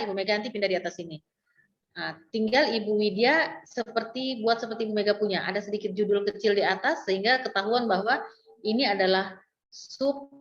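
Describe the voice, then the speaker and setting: Woman, online trainer, mid-pitched, thinks aloud with fillers, dull call audio. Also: echoey room. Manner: explains step by step with many fillers and restarts. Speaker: training instructor. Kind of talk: online class instruction. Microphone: video call.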